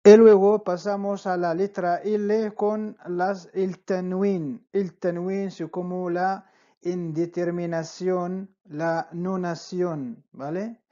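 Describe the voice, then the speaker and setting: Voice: medium pitch, flat delivery, slow, dark tone, highs cut off. A teacher explaining letters in Spanish, stretching out syllables and repeating each word several times, often checking with "¿vale?". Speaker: Arabic teacher. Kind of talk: slow spelling-out lesson.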